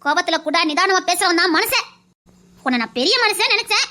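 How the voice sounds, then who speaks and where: A stern, wise grandmother scolds in a firm, moralizing tone with a Tirunelveli Tamil accent, voiced by a woman. The voice sits very high and bright. It is family drama acting. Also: lively intonation, fairly quick, full character voice.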